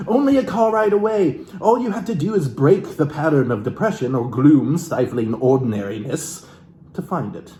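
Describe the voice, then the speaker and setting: An animated host from Alaska reads aloud from a book in a comedic, theatrical performance, throwing in asides to viewers. His dark-toned voice swoops in pitch, delivered in a florid, mock-genteel manner with dramatic emphasis and pauses, and the room sounds roomy and echoey.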